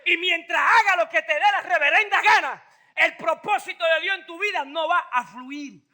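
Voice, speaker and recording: A male pastor preaching a fiery sermon, shouting and calling on the congregation to respond. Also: very high voice, moderate pace. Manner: shouting, call-and-response, mixes in English phrases.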